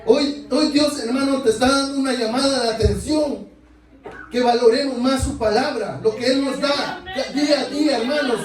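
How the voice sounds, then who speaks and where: High-voiced preacher man in echoey church. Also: normal speed. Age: adult. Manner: keeps addressing listeners as brothers, asks rhetorical questions. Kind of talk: sermon. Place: church sanctuary. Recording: echoey church, mic far off.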